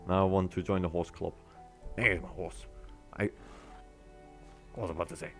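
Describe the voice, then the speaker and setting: A man's voice: sits low, normal speed, gravelly, faint music behind. A young man casually commenting on his gameplay as a streamer, rambling and often restarting his sentences.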